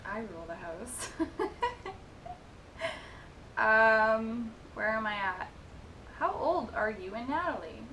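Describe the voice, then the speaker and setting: A woman's voice: lively intonation, slow, pauses often, pushed and bright. Young woman reading viewer questions, echoey room. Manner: chatty, reads questions aloud, giggly asides. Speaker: vlogger answering viewer questions. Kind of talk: casual Q&A chat. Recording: echoey room with noisy rumble.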